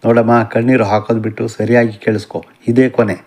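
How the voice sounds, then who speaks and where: A man's voice: mid-range voice, level tone, quick pace, a little mellow, lightly acted. A man voicing an angry, defiant young male college student in an audiobook novel, speaking in a bitter, confrontational way. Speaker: son.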